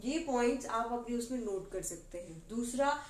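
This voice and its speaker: High-voiced woman teaching English grammar. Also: expressive. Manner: explains in Hindi with English example sentences read slowly; keeps asking questions and says "ठीक है" often. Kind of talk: classroom grammar lesson. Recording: roomy with faint background noise.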